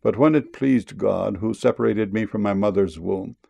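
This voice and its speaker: A man reading King James scripture verses aloud in a solemn, measured, unhurried way. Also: lowish voice, vocal fry, mellow. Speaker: scripture reader.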